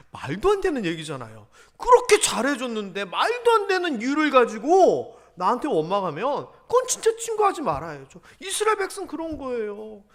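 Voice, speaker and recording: A man's voice: very high voice, normal speed. A man preaching a Sunday sermon in a church, telling stories and asking rhetorical questions. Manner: animated storytelling with rhetorical questions. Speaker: pastor. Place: church sanctuary.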